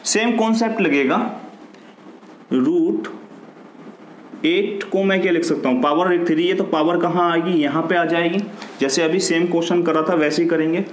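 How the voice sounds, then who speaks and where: A man's voice: on the high side, moderate pace. Male maths teacher, Hindi accent, patient step-by-step explainer; roomy recording with faint hiss. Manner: explains step by step, asks and answers his own questions. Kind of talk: classroom lesson. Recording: echoey room with faint noise.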